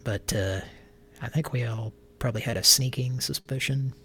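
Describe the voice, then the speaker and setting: A man's voice: medium pitch, moderate pace, bright, forceful tone, slight background noise. A man hosting a live show, rambling through irreverent jokes and stopping himself mid-sentence. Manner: meandering, self-interrupting, irreverent jokes. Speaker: livestream show host. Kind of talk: rambling comedic live chat.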